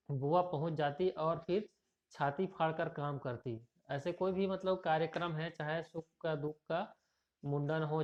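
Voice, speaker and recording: A man's voice: fairly high pitch, darkish tone. A male teacher reading a story aloud and explaining it, with frequent fillers and restarts. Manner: rambling with repeated fillers. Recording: dull lo-fi recording.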